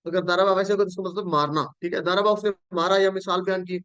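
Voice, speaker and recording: A man's voice: sits high, fairly even intonation, fast talker, a bit bright, smooth, no room sound, muffled recording. A man from Pakistan teaching Quranic Arabic in an online class, patiently drilling word forms and calling on students.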